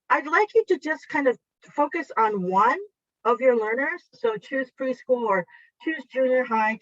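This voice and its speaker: Presenting a teacher workshop online, a woman whose native language is Japanese guides her audience step by step in a chatty, encouraging way. Her voice is on the high side with no echo, captured as dull, lo-fi video call audio.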